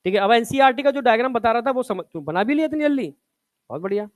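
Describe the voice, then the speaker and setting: A man's voice: extremely high pitch, animated, racing. Male teacher. Coaxing classroom lecture where he quizzes the students. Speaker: biology teacher.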